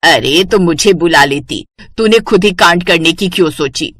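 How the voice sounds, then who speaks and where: Older mother-in-law, nagging and sharp-tongued, lower scolding voice, done by a woman narrator. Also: normal speed, dry recording. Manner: scolding, exasperated.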